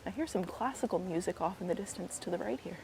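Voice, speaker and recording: Hoarse and a bit raspy from a cold, a woman with a slightly deep voice vlogs while walking through a park, chatting casually into a handheld gimbal camera mic and slipping into soft asides. She talks fast amid crowd noise and faint outdoor ambience.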